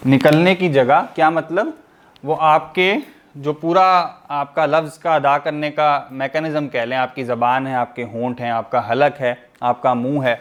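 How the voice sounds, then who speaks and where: Man, patient teacher, fairly high voice, drawn-out demonstration sounds, frequent check-ins. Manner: patient, explanatory, checks in with "theek hai". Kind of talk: recorded Arabic pronunciation lesson.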